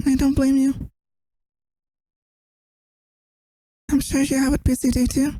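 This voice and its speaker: A woman's voice: high voice, level tone, a little fast, slight background noise, lightly acted. A woman playing a tired, affectionate girlfriend who misses her partner, in a tender, intimate ASMR role-play. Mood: tender, reassuring. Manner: tender, intimate, soft-spoken.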